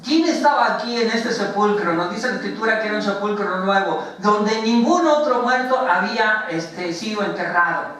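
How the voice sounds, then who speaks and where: A man with a Mexican accent preaching a sermon as pastor, talking slowly with many fillers and rhetorical questions to the congregation. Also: high voice, animated, bright, forceful tone. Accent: Mexican Spanish. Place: church sanctuary. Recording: very echoey church, voice from far off the mic.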